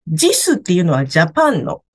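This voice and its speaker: A woman speaks with a blocked, nasal sound, as if through a head cold. Her delivery is lively and varied in pitch as she explains things in a polite, conversational way. The recording is close and dry. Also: quick pace, slightly rough, dry recording. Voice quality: nasal, stuffy nose from a cold. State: has a cold. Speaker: beauty salon academy director, expert speaker. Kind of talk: conversational explanation on a talk program.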